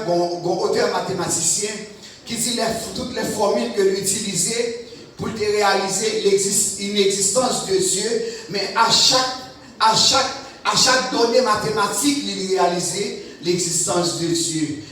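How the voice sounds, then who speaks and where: A man preaching a sermon, repeating a short blessing between phrases and building to loud, chanted repetitions, recorded in a church sanctuary. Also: high-pitched, a little hiss or hum. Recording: very echoey church from far off.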